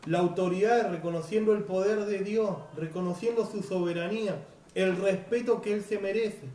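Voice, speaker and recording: High-voiced preacher man in an echoey hall. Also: fairly even intonation, warm tone. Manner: earnest, unhurried, frequent "right?" tag questions. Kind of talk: sermon. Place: church hall. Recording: echoey hall, distant mic, faint noise.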